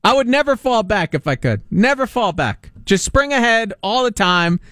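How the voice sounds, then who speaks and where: New guy, sports radio host, high-pitched and very lively, joking banter, dry studio sound. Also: normal speed, dry recording. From Long Island, New York. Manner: animated, joking, riffs and repeats himself. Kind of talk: casual sports talk banter.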